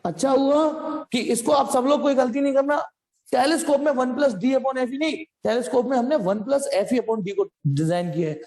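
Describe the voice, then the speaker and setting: A man's voice: very high-pitched, normal speed, a little mellow. A man teaching a physics class live, explaining problems in a jokey, chatty way and calling his students "beta". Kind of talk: live online class lecture. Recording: long reverb.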